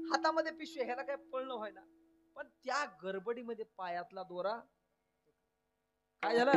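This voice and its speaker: A man's voice: very high-pitched, a bit bright. A male preacher giving a devotional kirtan sermon, telling a story with animation and breaking into sung verses.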